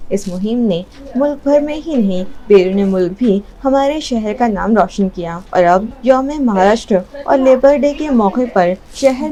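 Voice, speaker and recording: A woman anchor reading an Urdu news bulletin in a formal, steady newsreader manner with an Indian Urdu accent. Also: medium pitch. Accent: Urdu as spoken in India.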